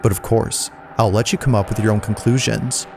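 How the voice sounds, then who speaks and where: Guy narrating scary clips, low gravelly voice, slow ominous delivery, music underneath. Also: fairly even intonation, background noise. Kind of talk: scripted narration.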